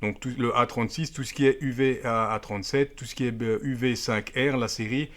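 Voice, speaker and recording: Brisk and fairly bright, his mid-range voice keeps a fairly even intonation. He's an amateur radio video presenter giving a casual, hands-on gadget demonstration, explaining it one step at a time and using tag words frequently.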